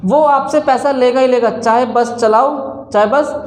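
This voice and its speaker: A man's voice: very high voice, steady tone, measured pace. A man teaching a class, explaining step by step and posing questions to the students that he answers himself. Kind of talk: classroom lecture. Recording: roomy echo.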